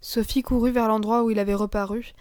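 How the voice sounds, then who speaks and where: A woman narrating a children's story in an expressive, clear reading. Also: fairly high pitch, quick pace, no echo, clean studio sound.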